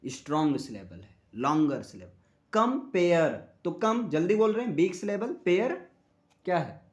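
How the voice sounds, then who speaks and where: A man teaching English literature. He reads definitions slowly and explains them with questions to the listener. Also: on the high side, animated, darkish tone. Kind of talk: classroom-style lecture mixing Hindi and English.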